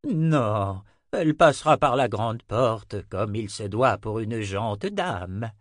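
A man's voice: fairly low pitch, expressive, slow pace, no echo, studio quality. A man doing a kindly old wizard. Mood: genial. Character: kindly old male wizard, wry and gentle. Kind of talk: audiobook character reading.

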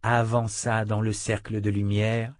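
A man narrating a fantasy audiobook in a measured, even reading. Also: fairly low pitch, no room sound, studio quality.

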